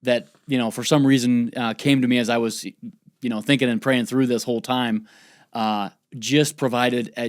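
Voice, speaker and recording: A man hosting a podcast interview, talking in an earnest, relaxed way and also reading a sponsor spot. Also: on the high side, dry recording. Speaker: podcast host. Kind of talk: conversational interview with a sponsor read.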